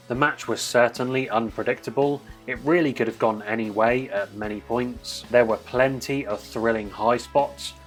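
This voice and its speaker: A man's voice: medium pitch, a bit bright. Enthusiastic man narrating a match review. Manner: enthusiastic, analytical. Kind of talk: scripted voice-over commentary.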